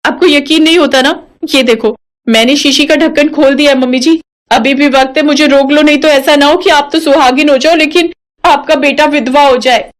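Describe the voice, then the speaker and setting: A woman's voice: high voice, steady tone, normal speed, natural voice. A woman voicing an anxious daughter-in-law, pleading and melodramatic. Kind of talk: animated story voice acting.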